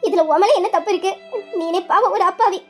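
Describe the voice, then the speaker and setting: A high young voice playing a widowed sister-in-law who consoles a younger woman in a soothing, motherly way. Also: fairly quick, fairly bright tone, soft background music. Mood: consoling.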